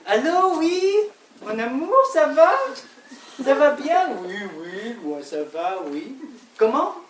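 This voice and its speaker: A woman's voice: mid-range voice, big pitch swings, takes it slowly, a little mellow, a little hiss or hum. A woman acting a smug male lover who teases dryly, in a live stage play, recorded from a distance in an echoey theatre. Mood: bluffing. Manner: dry teasing, amused jabs. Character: smug middle-aged male lover, teasing and sly. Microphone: distant room mic.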